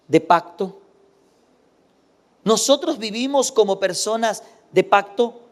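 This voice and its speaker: Male pastor, high voice, emphatic sermon delivery, long hall reverb. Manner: emphatic preaching with repeated rhetorical questions.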